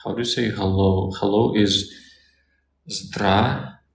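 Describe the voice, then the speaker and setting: A man from Russia, a native Russian speaker, working as a Russian tutor and calmly reading out and answering viewer questions. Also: on the low side, gravelly. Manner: calm, unhurried explanations. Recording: echoey room, faint noise.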